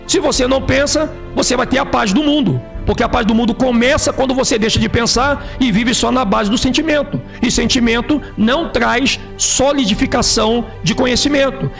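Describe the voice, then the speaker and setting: A Brazilian man with a high voice delivers a preachy religious commentary. His tone is gravelly and emphatic, and he leans on rhetorical questions. Faint music plays softly behind him. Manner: emphatic, with rhetorical questions and slow passages read from a book. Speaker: video host.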